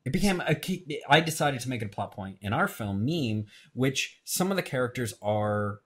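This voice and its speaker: A man's voice: mid-range voice, expressive, moderate pace, fairly bright tone, husky. A man, a filmmaker guest, talking in a casual interview, often hesitating and repeating words. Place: radio show studio.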